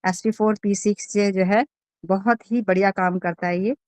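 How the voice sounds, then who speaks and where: A woman's voice: medium pitch, steady tone, moderate pace, darkish tone, dry recording. A woman teaching an acupressure class online, explaining points with many fillers and reading lines aloud in English.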